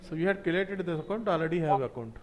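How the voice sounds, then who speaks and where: A man teaching cloud computing in a live online class, speaking through a computer mic on a video call and explaining in halting, repetitive phrases. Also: a little high, lively intonation, a little hiss or hum, rough recording.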